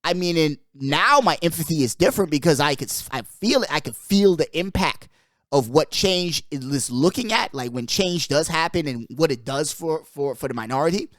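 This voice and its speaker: A young man from the Bahamas hosts his podcast in a loose, rambling chat, full of emphatic asides. His voice sits a little higher than most men's. The recording is dry and close, with no room sound. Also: lively intonation, moderate pace, a bit bright, dry recording. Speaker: podcast host. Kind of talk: casual chat.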